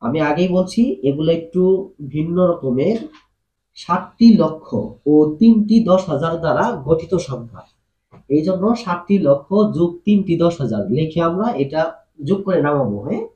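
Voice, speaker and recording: A man's voice: a little high, animated, normal speed, dark tone, muffled recording. Patient male math tutor, echoey room. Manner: patient, repeats and asks questions to students. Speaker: math teacher. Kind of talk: classroom-style math lesson.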